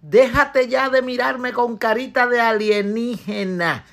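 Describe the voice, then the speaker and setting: A woman voicing a jealous wife who scolds her husband in shrill, sarcastic rhymed verse for a comic piece. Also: fairly even intonation, slow pace, fairly bright tone. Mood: scolding.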